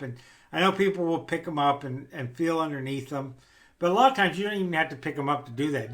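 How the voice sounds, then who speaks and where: A man's voice: mid-range voice, fairly bright tone. A man who breeds rabbits, giving a rambling, plainspoken how-to talk with a folksy manner.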